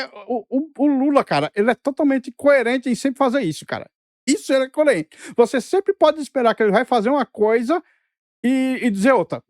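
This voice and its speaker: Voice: medium pitch, dry recording, clean studio sound. A co-host making sarcastic, mocking asides in political commentary.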